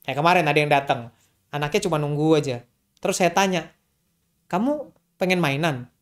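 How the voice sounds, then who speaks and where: A man's voice: a little high, fast, smooth. A man, a doctor, answering parents' questions in a casual, chatty way, often repeating a question back before he answers it. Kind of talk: casual explanatory Q&A talk.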